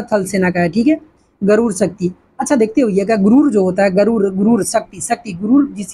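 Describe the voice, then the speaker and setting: A woman's voice: mid-range voice, mellow, slightly rough. A woman teaching an exam-prep lesson, asking questions and answering them herself. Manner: repetitive, asks and answers her own questions.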